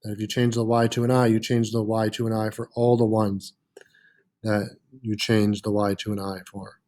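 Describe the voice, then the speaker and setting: A man's voice: fairly low pitch, little pitch movement, normal speed, mellow. A man teaching a French lesson, patiently repeating words with frequent "uh" fillers. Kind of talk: classroom lesson.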